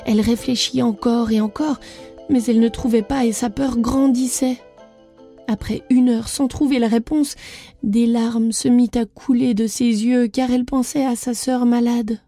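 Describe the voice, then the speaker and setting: A woman reading a fairy tale aloud as a storyteller, in gentle, deliberate narration. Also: a little high, fairly even intonation, soft background music.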